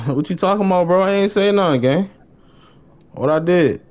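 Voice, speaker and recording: This live streamer, a young American guy, chats loosely in thick slang and keeps circling back to the same phrases. His voice sits high and moves at a moderate pace, heard through muffled, noisy game audio.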